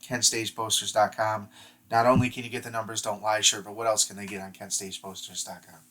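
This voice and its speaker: A man's voice: fairly low pitch, flat delivery, brisk, pushed and bright. A man co-hosting a casual sports podcast from home over the internet. He rambles and repeats words as he restarts his sentences. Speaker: podcast co-host. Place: at home in Ohio, talking remotely. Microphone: remote podcast mic over the internet.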